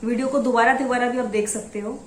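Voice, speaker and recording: A woman from Assam teaching exam preparation, reading out headings slowly and then explaining them. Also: fairly high pitch, steady tone, roomy sound, a little hiss or hum. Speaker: law exam tutor. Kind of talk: exam coaching lesson.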